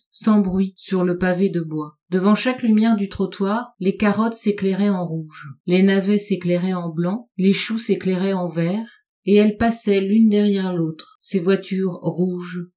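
A woman narrates a classic short story in a warm, mellow voice. Her reading is measured and deliberate. She slows and lowers her voice to weigh the gloomiest repeated phrases. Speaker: audiobook reader. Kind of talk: literary audiobook narration.

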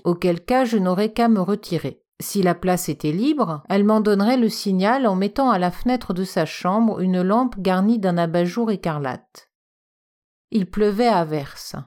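A woman narrating a literary story in a measured, expressive storytelling manner. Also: mid-range voice.

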